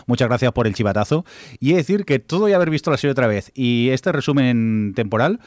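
A man's voice: medium pitch, lively intonation, quick pace, darkish tone, no room sound, clean studio sound. A man from hosting a casual podcast chat, thoughtful and hesitant with fillers. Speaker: podcast host.

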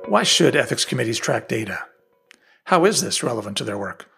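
A man's voice: mid-range voice, brisk, creaky, over loud music. A man hosting a podcast, reading a scripted introduction and asking prepared questions. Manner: reads steady prepared lines and questions. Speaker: podcast host.

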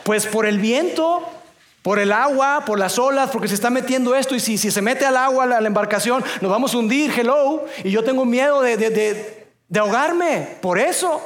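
A man's voice: very high voice, normal speed, roomy sound. A man voicing a sarcastic, whiny teenage boy who mocks an obvious question. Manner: mocking, exaggerated.

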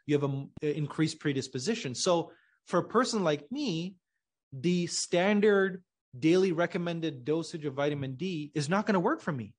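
Brief: male podcast guest from Pakistan, somewhat high voice, patient explainer, casual tone. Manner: explains patiently, checks in with "right?". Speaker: guest, genetics company co-founder. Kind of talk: casual conversational interview.

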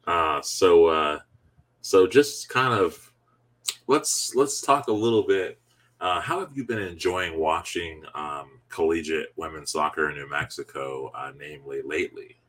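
A man's voice: sits low, measured pace, fairly bright tone. A man hosting a conversational sports podcast, introducing segments and putting questions to a co-host.

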